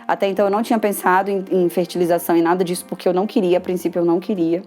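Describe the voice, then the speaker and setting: A young woman with a Brazilian Portuguese accent shares her own story in a heartfelt, lively way and acts out bits of conversation as she goes. Her voice is mellow and warm, with faint music playing softly behind her. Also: on the low side, rapid-fire. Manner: emotional, lively retelling with quoted dialogue. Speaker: patient giving a testimonial. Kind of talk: personal testimonial storytelling.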